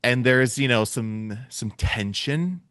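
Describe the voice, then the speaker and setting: A man's voice: medium pitch, expressive, takes it slowly, fairly bright tone, dry recording, studio quality. A man hosting a casual podcast interview, rambling and enthusiastic with plenty of fillers. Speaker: podcast host.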